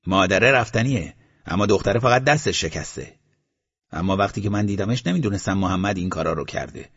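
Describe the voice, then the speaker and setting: A male audiobook narrator voicing a chatty male customer passing on gossip, in a husky voice on a slightly muffled recording. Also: low-pitched, lively intonation, a bit bright, full character voice. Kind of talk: audiobook character voice.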